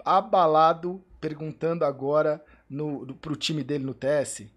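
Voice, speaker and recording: A man with a Brazilian Portuguese accent giving excited live commentary on an esports match, breaking into shouts at big plays and repeating pleas for calm. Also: a little high, measured pace. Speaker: streamer casting an esports match.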